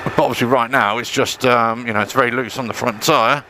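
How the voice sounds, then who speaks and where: Speaking fairly quickly in a pushed, bright voice of medium pitch and steady tone, a man narrates casually while riding a motorbike along a country trail. The mic is mounted in his helmet, and outdoor wind and engine noise come through.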